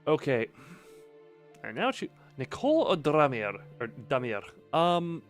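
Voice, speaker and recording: A man's voice: on the high side, big pitch swings, a little slow, soft background music. A man reading a story game aloud as its player, dramatic in the narration and joking in his asides.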